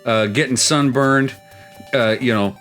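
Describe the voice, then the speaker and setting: Chatting playfully as he plays and spins a story, this gameplay channel host from South Texas, United States, often bursts into high exclaims. He talks unhurriedly in a slightly bright voice over soft background music.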